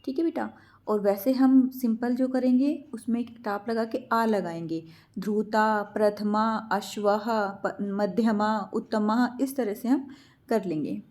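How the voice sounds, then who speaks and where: A woman's voice: medium pitch, takes it slowly, a little mellow. A woman teacher explaining exam answers in a patient way, asking questions and then answering them herself. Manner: patient, asks and answers her own questions, calls students "beta".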